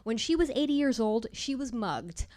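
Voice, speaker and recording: A woman telling a personal story at a live storytelling show, wry and measured with dry comic timing. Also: on the high side, lively intonation, darkish tone.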